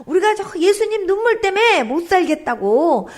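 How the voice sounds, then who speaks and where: Frantic villagers scold and urge someone to hurry, as a woman pastor puts them on in a testimony. The voice is high and pushed, urgent and accusing. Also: very animated, normal speed.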